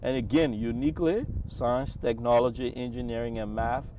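A middle-aged man in an outdoor interview on a farm, explaining with animated gestures and enthusiasm. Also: medium pitch, normal speed, gravelly, recorded from a distance, background noise. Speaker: farm researcher interviewed by the dean. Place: outdoors on a farm, seated on a bench.

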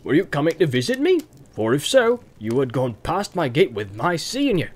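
A man voicing a gruff, hearty hobbit farmer in a storybook reading, with a growl and rustic, folksy talk. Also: on the high side, big pitch swings, moderate pace. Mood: shrewd, genial. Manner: rustic, folksy turns of phrase. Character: gruff, hearty, thick-set hobbit farmer, suspicious but welcoming.

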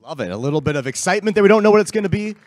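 A man's voice: high voice, expressive, racing, dry recording. A man hosting an open-mic event in a large council chamber, upbeat and joking with the crowd, speaking into a handheld mic. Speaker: event host.

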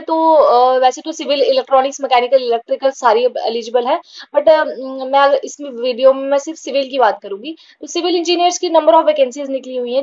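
Casting: woman with a high voice, chatty explainer host, repeats herself, dull lo-fi recording. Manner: casual, repeats points, frequent fillers. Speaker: job-update channel host. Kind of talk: informal explainer voice-over over screen recording.

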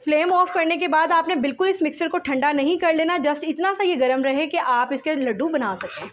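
A woman calmly talking through a home cooking recipe step by step, as a voice-over. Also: high voice, a little fast, dull audio, a little hiss or hum. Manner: calm step-by-step instructions mixing English words. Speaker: home cooking channel host.

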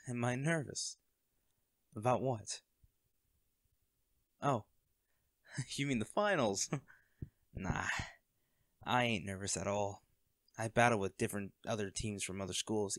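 Talking straight to the listener in an audio roleplay, a young man takes on the role of a cocky, teasing college volleyball captain who stays laid-back, laughs a lot, and swears offhandedly. His voice is lowish and fairly bright, unhurried and full of pauses, with no echo.

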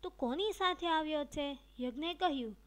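High-voiced woman reading a story. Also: moderate pace. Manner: reads dialogue with light expression; addresses young pupils directly. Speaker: teacher reading a textbook story. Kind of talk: storybook read-aloud for children.

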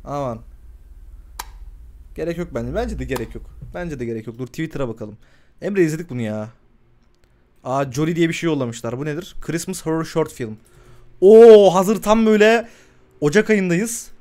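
Jumpy, cursing male streamer, higher voice. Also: expressive, a little fast, pauses often, darkish tone. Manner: talks back to the screen, swears, shrieks when startled. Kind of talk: live reaction to horror shorts.

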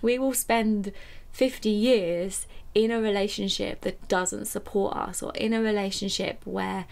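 A woman's voice: medium pitch, fairly even intonation, unhurried, gravelly, a little mellow. A young adult woman chatting casually to camera in a conversational, reflective way, repeating phrases for emphasis. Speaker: YouTuber and independent musician. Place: small furnished room at home, indoors.

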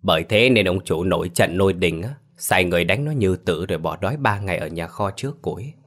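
A man's voice: low voice, animated, brisk, fairly bright tone. A man doing a chatty old maidservant. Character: loyal old woman servant, gossipy and warm.

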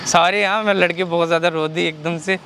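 A man staging a street prank by a car, shouting and threatening, then softly apologizing and coaxing. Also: fairly high pitch, fairly even intonation, a little fast. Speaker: prankster and channel host. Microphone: hidden camera mic. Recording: noisy outdoor street audio.

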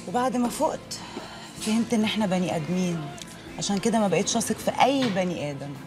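A woman's voice: medium pitch, lightly acted. An actress playing a cynical woman who gives wry advice. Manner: wry, advising. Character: cynical woman giving hard-won advice.

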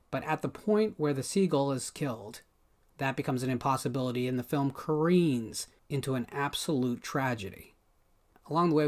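A man in his thirties hosting his own channel, calmly delivering a scripted film analysis to camera in a small home room, measured and deliberate, with dramatic pauses. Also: mid-range voice. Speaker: film critic host.

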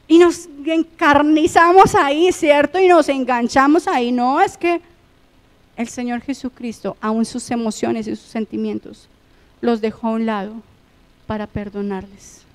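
High-voiced Colombian woman preaching. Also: steady tone, a little slow, long reverb tail. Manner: impassioned, swinging between loud emphatic phrases and hushed ones. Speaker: pastor. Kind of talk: sermon.

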